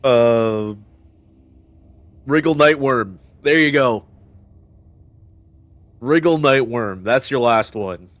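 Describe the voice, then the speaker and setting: A man streaming a video game live, muttering the game's text to himself and breaking into loud, profane, laughing jokes with his viewers. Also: mid-range voice, slow, long pauses, no echo. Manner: mutters game text, then bursts into loud excited joking. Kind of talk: live gameplay commentary.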